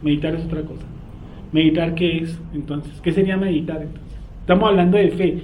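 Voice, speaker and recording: A man's voice: on the high side, fairly even intonation, fairly quick, darkish tone. Man quizzing a Bible class. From Colombia. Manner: quizzing students with fill-in questions. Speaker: Bible study teacher. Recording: roomy, faint background noise.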